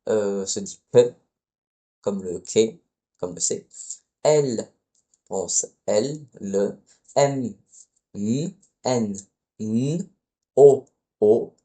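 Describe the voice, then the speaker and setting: Mellow-voiced man teaching a lesson. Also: medium pitch. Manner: hesitant, often corrects himself mid-phrase. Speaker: Latin teacher. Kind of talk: casual spoken lesson.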